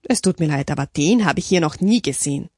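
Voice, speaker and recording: A woman puts on a middle-aged wood seller who laughs off a strange question. His voice is slightly husky and dry, swinging up and down as he speaks. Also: low voice, animated, fast talker, darkish tone, dry recording. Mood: scoffing. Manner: scoffing.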